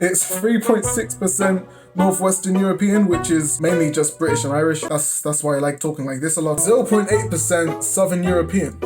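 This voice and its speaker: A young man in his twenties with a Jamaican accent, chatting playfully in a sing-song way as he talks through a home video. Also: high voice. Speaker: vlogger. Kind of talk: casual video commentary.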